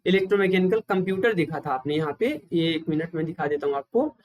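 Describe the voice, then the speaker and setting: A man teaching a computer lecture for exam preparation. He explains step by step, repeats key points and pauses often to restart his sentences. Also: on the high side, lively intonation, no room sound, low-quality recording.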